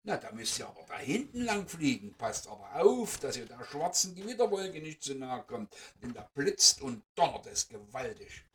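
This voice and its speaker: A man's voice: medium pitch, very animated, moderate pace, fairly bright tone. A man voicing a friendly little star child who gives helpful warnings, recorded from a distance.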